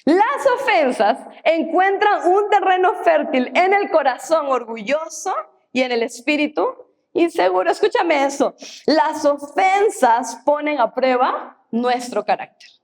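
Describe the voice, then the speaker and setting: A woman's voice: high-pitched, lively intonation, a little slow. Lady pastor preaching in church, repeats her points, asks the crowd for amen. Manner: emphatic, repeats key phrases, asks the congregation to respond. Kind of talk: sermon.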